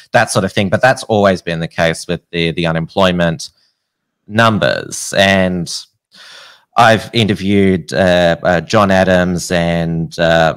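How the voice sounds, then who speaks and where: Deep-voiced Australian man hosting. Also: a bit bright, smooth, dry recording. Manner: halting, many fillers and restarts. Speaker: host. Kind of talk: interview. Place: home studio. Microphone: studio mic on a boom arm.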